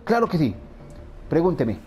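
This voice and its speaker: A man's voice: fairly high pitch, sing-song, moderate pace, mellow. A man giving frantic let's-play commentary, talking to himself and repeating words. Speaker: gamer.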